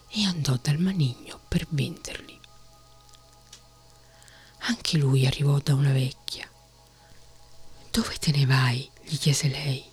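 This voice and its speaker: A storyteller reading a fairy tale as a soft, steady, whispered bedtime story. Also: mid-range voice, slightly rough.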